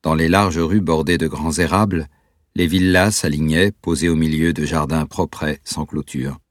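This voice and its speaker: Un homme qui lit la narration d'un roman en livre audio, d'un ton posé et descriptif. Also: male voice, very deep voice, steady tone, no echo, clean studio sound. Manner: measured, descriptive reading.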